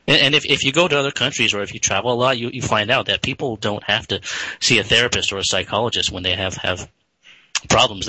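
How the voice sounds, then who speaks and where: A man, a guest in an interview, talking in a halting way with many repeated words and restarts. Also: lowish voice, sharp tone, husky, dry recording, low-quality recording. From San Francisco Bay Area, born in Taiwan. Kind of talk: interview talk.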